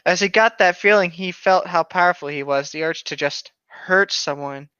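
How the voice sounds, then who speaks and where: This podcast co-host reads a horror story aloud, his high-pitched voice smooth and sharp-toned at normal speed, with playful, sweary asides thrown in. The audio is dry and comes through a slightly muffled microphone.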